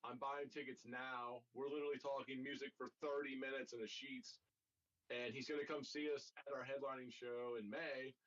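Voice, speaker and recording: A man's voice: mid-range voice, level tone, moderate pace, fairly bright tone. A young man in a band, guesting on a podcast, telling rambling stories with casual swearing and lots of fillers. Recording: dull lo-fi audio.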